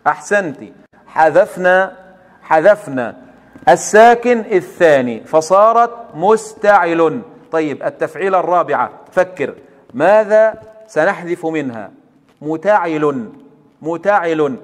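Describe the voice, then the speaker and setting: High-voiced Egyptian man teaching, echoing hall. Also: expressive, a little slow. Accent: Egyptian Arabic. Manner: quizzing the listener and praising answers. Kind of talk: recorded lesson.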